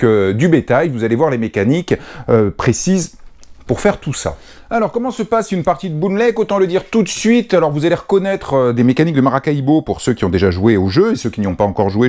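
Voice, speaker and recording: A French man explaining a board game's rules in a chatty way, with many hesitations. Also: medium pitch. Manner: chatty, lively, with frequent hesitations. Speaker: board game reviewer.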